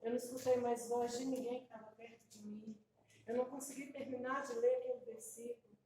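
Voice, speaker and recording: Middle-aged woman preacher, high voice, emotional confiding testimony, booming church echo, distant mic. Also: fairly even intonation, brisk, mellow, slight background noise. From Brazil. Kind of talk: testimony sermon. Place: church hall. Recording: echoey church hall, mic far off.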